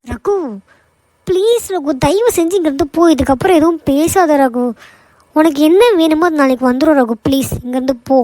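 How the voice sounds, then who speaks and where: Brief: woman playing a timid cartoon heroine, high voice, pleading, dry close sound. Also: normal speed, dark tone, no echo, natural voice, poor audio. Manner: pleading, apologetic. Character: young woman office worker, meek and pleading. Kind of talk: cartoon voice acting.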